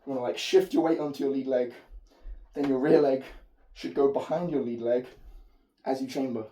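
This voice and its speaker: A man who is losing his voice and sounds hoarse, giving an informal martial arts tutorial as an instructor demonstrating technique. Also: medium pitch, steady tone, normal speed, warm tone. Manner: informal, explanatory, occasional swearing. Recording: distant mic.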